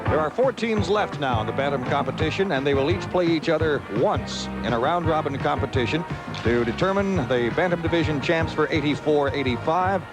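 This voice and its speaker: An American man working as a sports announcer, narrating scripted hockey highlights and commentary. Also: expressive, fairly quick, over loud music, rough recording.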